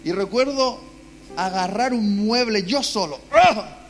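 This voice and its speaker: A man from Spain's Basque Country, with a Spanish accent, preaches a live sermon in a church. His high-pitched voice is animated but a little slow, with soft music in the background, as he tells stories dramatically and acts out cries of pain.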